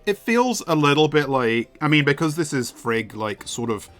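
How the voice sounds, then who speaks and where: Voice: medium pitch, sing-song, normal speed, a bit bright, faint music behind. Chatty streamer playing a game. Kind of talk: casual chat.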